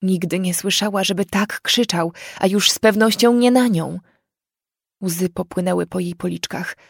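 A woman narrating a dark fantasy story in a measured, expressive reading. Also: fairly low pitch, creaky, slightly rough, no room sound, clean studio sound. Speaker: audiobook reader.

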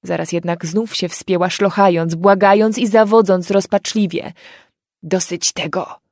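A woman narrating a dark fantasy story in a measured, expressive reading. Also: medium pitch, no room sound, studio quality. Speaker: audiobook reader.

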